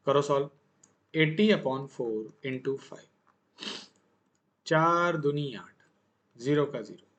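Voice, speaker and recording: Chatty, joking male maths teacher. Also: fairly high pitch. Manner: chatty, jokey, asks the class questions. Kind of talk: casual Hindi maths lesson.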